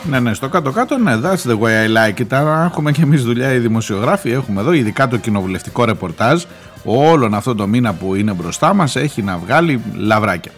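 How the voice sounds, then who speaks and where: A man's voice: mid-range voice, lively intonation, faint music behind. A man hosting a radio show, telling a news story in a chatty, joking way. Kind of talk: casual current-affairs commentary.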